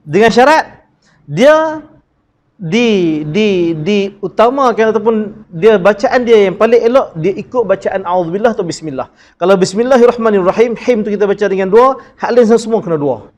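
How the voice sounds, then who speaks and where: High-voiced Malaysian man teaching recitation. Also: animated, a little mellow. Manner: drills sounds by repeating syllables, asks the class questions; chants verses slowly and melodically. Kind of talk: classroom lecture on Quran recitation.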